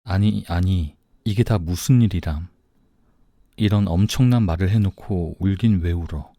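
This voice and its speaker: A man's voice: deep voice, normal speed, dry recording, studio quality. A man doing a playful young friend. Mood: teasing. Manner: playful, warm-hearted. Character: teasing, affectionate young male friend.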